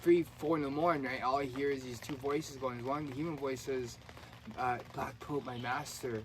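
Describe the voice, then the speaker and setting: A man's voice: medium pitch, fairly even intonation, moderate pace. A man talking in a casual, earnest, rambling way, often restarting his sentences. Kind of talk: casual conspiracy chat. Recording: faint background noise.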